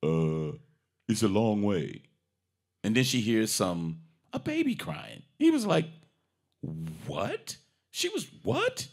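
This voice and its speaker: A man's voice: unhurried, vocal fry. A man casually retelling a film's plot as a review co-host, acting out the characters' lines and swearing freely. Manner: animated, acts out characters' lines with big pitch jumps.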